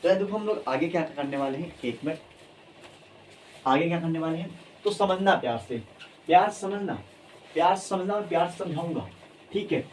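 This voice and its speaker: A high-pitched man teaching chemistry with lively energy, drilling key terms over and over and coaxing his students along. He sounds a little away from the mic, with faint room ambience behind him. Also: a little fast, pauses often, far from the mic, slight background noise, low-quality recording. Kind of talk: energetic classroom lecture.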